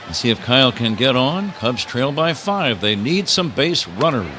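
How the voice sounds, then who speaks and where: Calling baseball live for radio, an American man speaks at a moderate pace in a medium-pitched, lilting voice from the ballpark's broadcast booth. The recording is a noisy live broadcast, and the open-air crowd ambience is easy to hear.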